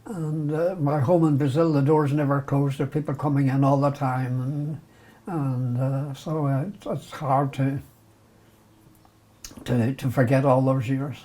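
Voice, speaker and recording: On a rough recording, an older man with a Belfast accent reminisces in an interview about his life as a retired doctor from Northern Ireland. His mellow voice is medium-pitched, level, and measured, and he often chuckles at his own expense.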